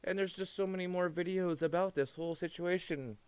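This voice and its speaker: An adult man past his teens, working as a YouTuber, delivers unscripted, opinionated commentary in a high, smooth voice with fairly even intonation and a slightly fast pace. He rambles, repeats himself, and swears.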